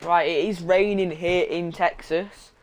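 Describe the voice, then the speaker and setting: A man with a sore throat and a hoarse voice does live sim racing commentary, blunt and joking with his co-host and clearing his throat now and then. His voice is high, steady in tone and a little slow.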